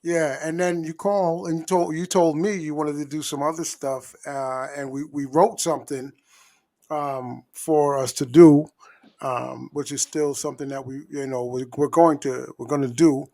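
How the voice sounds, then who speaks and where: Man hosting, slightly high voice. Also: steady tone, moderate pace, mellow. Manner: affirming, asks long wandering questions. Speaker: talk show host. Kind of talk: casual interview chat.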